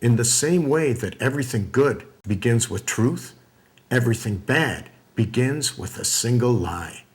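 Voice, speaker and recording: A man giving scripted documentary narration in a measured, deliberate way. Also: medium pitch, animated.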